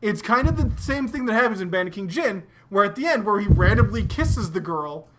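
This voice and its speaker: A woman's voice: mid-range voice, lively intonation, brisk, noisy background. A woman co-hosting an anime discussion show, ranting animatedly with plenty of swearing. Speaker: anime discussion podcast co-host. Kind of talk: casual chat.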